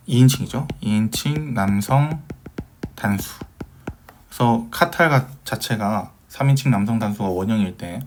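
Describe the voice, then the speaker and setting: A man's voice: on the low side, darkish tone, slight background noise. A man giving a recorded Hebrew grammar lecture, patiently asking questions and answering them himself, with many fillers.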